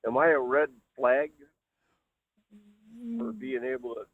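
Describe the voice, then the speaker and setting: A man's voice: medium pitch, unhurried, no echo. A man calling in to a talk show on a choppy cell phone line that keeps breaking up, repeating himself and checking if anyone is still there. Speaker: caller. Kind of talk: call-in talk radio.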